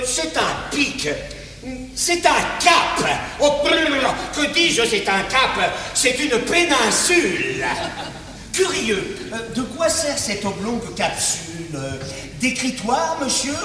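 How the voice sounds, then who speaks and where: A man's voice: very high-pitched, sing-song, slow, heavily acted. An actor playing a proud, witty swordsman, declaiming verse on stage in a hammy, exaggerated manner. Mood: mocking, flamboyant. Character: proud, witty, swaggering swordsman mocking an insult to his big nose. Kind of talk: theatrical verse stage monologue. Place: theatre stage, recorded from afar. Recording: echoey hall, distant mic, noisy stage recording.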